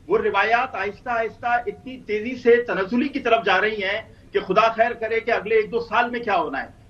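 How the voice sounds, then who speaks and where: A man speaking as a political commentator guest over a remote link with a bad connection. He talks in a measured way and asks himself rhetorical questions. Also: sits high, a bit bright. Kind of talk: talk show commentary. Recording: dull, distant remote line.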